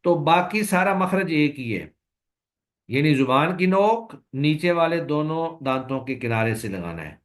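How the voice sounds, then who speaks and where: A man who teaches Quran recitation, giving a recorded lecture and explaining slowly and patiently, with long drawn-out sample sounds and a Pakistani Urdu accent. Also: a little high, lively intonation. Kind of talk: recorded lecture on letter pronunciation.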